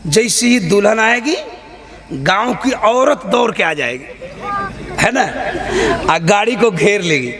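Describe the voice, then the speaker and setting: A man's voice: high voice, expressive, slow, pauses often. A man preaching a sermon to a live gathering, teasing the listeners, firing questions at them and scolding the noisy ones. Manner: banters with and questions the audience. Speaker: Islamic preacher. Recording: live crowd audible behind.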